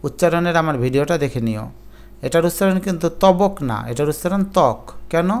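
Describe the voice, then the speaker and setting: A man's voice: fairly high pitch, animated, fast, darkish tone, clear, resonant tone. A male teacher giving an exam-prep lecture, explaining pronunciation rules step by step with worked examples. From Bangladesh.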